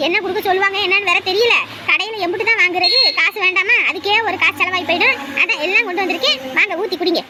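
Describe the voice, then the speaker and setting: A woman's voice: very high-pitched, very fast. A woman playing a fussy, talkative mother. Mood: fussing. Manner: fussing, talkative, warm-hearted. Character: fussy, caring middle-aged mother. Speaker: mother visiting her pregnant daughter. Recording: noisy background.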